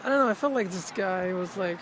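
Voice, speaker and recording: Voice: medium pitch, a little fast. A vlogger chatting casually and reflectively outdoors with wind on the mic, often trailing off and rephrasing. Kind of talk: casual, rambling personal vlog chat. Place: outdoors in wind, with urban ambience. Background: strong wind noise.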